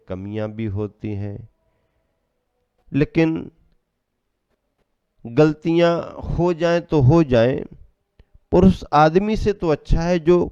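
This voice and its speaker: A man giving a sermon as a Jain monk, preaching slowly and measuredly, asking rhetorical questions and answering them himself. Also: mid-range voice, dark tone, clear, resonant tone, no room sound, dull audio.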